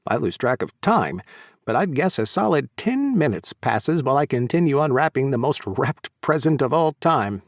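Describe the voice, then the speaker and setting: A man narrating a first-person romance audiobook in a warm, light storytelling delivery. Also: mid-range voice, very animated, moderate pace, no room sound, clean studio sound.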